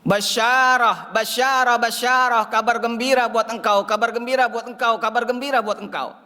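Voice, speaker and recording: A man's voice: very high-pitched, steady tone, fairly quick, sharp tone, voice pushed up. A man voicing a devout, fervent elderly male scholar who repeats his exclamations insistently. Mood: joyful urging. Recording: reverberant mosque hall.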